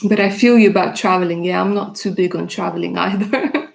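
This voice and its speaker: A tarot reader born in Russia, a native Russian speaker, chats with viewers on her live stream, laughing a lot and calling them darling. Her voice is lowish and gravelly, and she talks a little fast.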